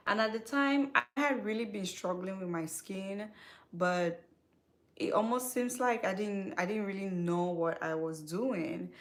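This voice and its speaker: Chatty young woman from Cameroon, skincare vlogger, mid-pitched, rambling storytelling full of fillers and restarts. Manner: chatty, repeats herself, many fillers and self-corrections. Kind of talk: casual storytelling while doing makeup.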